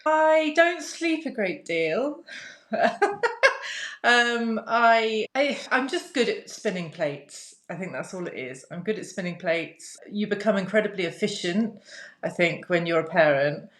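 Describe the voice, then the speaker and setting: A middle-aged English woman with a slight Somerset twang, a guest in a casual interview, cheerful and quick to laugh. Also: on the low side, a bit bright, reverberant. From southwest England.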